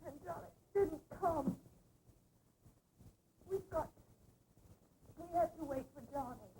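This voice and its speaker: A high, dark-toned voice from a shell-shocked young woman in an old horror film, slow and halting as she talks through her terror. She keeps faltering and crying, her words falling apart under shock, with a faint hiss on the tape. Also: rough recording. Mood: hysterical. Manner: halting, dazed, breaking into sobs. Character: dazed terrified young woman recounting an attack. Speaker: film character. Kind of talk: 1960s horror film acting.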